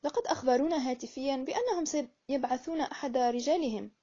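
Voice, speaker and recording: A woman's voice: high voice, quick pace, dark tone, pitched above the performer's own voice, lightly acted. A woman voicing a fretful young innkeeper. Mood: anxious. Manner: fretful, flustered. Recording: muffled lo-fi recording.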